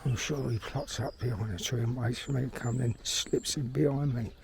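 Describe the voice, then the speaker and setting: Strolling in a park, this middle-aged man from London talks to himself in a casual, rambling way, blunt and sweary; he's a vlogger and filmmaker. He has a mid-range voice with vocal fry, fairly even intonation and normal speed. Outdoor noise, including birdsong, runs underneath.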